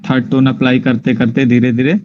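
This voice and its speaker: A man's voice: mid-range voice, little pitch movement, fairly quick. A man teaching an online drawing class, explaining step by step and often checking that his students follow. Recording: muffled lo-fi online class audio.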